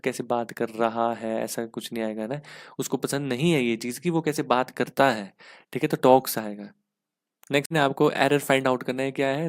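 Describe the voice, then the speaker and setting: Guy doing exam grammar prep, kinda gravelly voice, dry close mic, keeps checking ok? ok?. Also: mid-range voice, no echo. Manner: explains step by step, keeps asking "ठीक है?". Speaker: English grammar teacher.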